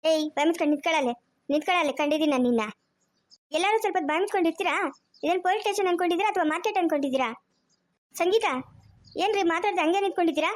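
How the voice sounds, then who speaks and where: A woman's voice: very high voice, racing, long pauses. A woman playing a stern police officer. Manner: commanding, stern.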